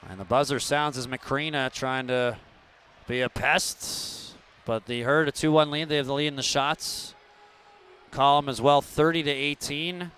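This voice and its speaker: A man's voice: mid-range voice, fairly even intonation, measured pace, fairly bright tone, slight background noise. A man calling hockey as a play-by-play broadcaster, with conversational, loosely phrased live commentary. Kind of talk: live sports commentary with promotional reads.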